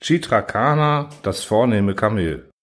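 A man reading a literary tale aloud as a podcast storyteller, with expressive narration. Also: on the low side, a little slow. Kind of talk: scripted narration.

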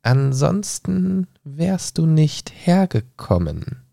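A man voicing a mysterious grinning cat who speaks slowly in a drawn-out, half-whispered way. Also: fairly high pitch, very animated, creaky, dark tone, no echo, studio quality, voice pushed up, full character voice. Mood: eerie.

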